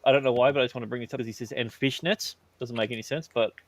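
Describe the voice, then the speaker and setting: A man with an Australian accent hosting a live podcast, reading chat messages aloud and making crude, deadpan jokes. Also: medium pitch, very fast. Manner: crude joking, deadpan asides. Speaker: podcast host.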